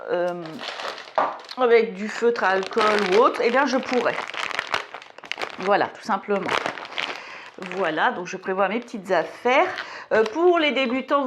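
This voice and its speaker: A woman's voice: fairly high pitch, animated, measured pace, background noise. A woman vlogger chatting casually while showing craft stamps at her home table, rambling with self-mocking asides. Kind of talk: casual product haul and demo.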